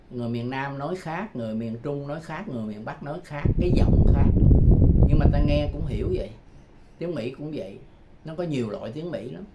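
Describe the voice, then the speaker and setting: An older man talks through an informal English lesson. He repeats words slowly and chuckles as he goes. The recording sounds dull, with loud background noise. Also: medium pitch. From Vietnam. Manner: chatty, repeats phrases slowly, chuckles often. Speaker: English tutor. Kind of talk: casual self-made language lesson.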